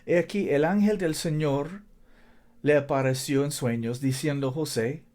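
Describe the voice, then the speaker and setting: Slow-paced man preaching. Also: a little high, a little mellow. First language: not a native Spanish speaker. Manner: emphatic, repeats key phrases. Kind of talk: Bible-teaching sermon.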